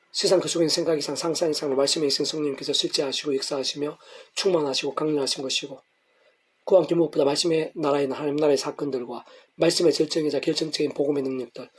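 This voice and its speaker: Fast-reading husky-voiced man pastor. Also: on the high side. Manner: long flowing sentences, steady earnest reading. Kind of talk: scripted devotional sermon reading.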